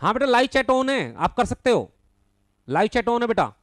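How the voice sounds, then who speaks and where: A male maths teacher running a live online class, calling on students by name, correcting their answers bluntly but patiently, and counting numbers aloud in a steady rhythm. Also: very high-pitched, normal speed, no room sound. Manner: calls students by name, affectionately addresses them as son.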